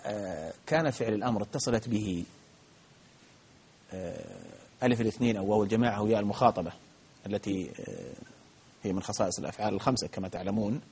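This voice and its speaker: A man's voice: fairly low pitch, animated, fast, vocal fry, long pauses, a little mellow, husky. A man teaching a grammar lesson, explaining patiently step by step, with frequent restarts and fillers. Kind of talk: live grammar lesson with questions.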